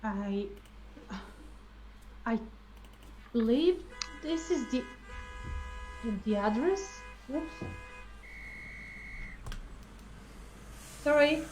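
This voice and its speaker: A woman's voice: sits high, animated, extremely slow, pauses often, a little mellow, soft background music, exaggerated voice, low-quality recording. A woman playing a naive young woman who dreams of film stardom, in an improvised film-noir comedy scene; she talks hesitantly, stammers and giggles. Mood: dreamy, unsure.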